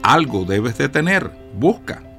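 A man voicing a wise, calm older king who speaks softly and measuredly. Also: mid-range voice, measured pace, faint music behind, exaggerated voice.

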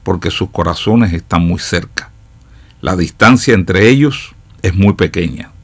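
In a reflective radio commentary, a man tells a story much like reading a parable aloud. His voice is fairly low and his pace slow and measured.

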